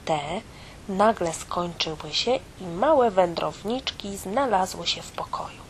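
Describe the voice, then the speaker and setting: A woman narrating a children's fairy tale in a soft, often half-whispered storytelling voice. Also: on the low side, animated, a little slow, slight background noise, low-quality recording.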